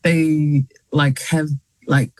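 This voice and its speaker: Extremely slow and level in tone, her low, darkish voice belongs to a New Zealand journalist in her thirties. As a talk-show guest in casual interview chat, she's chatty, laughs a lot, and uses many fillers and restarts; there's no room sound.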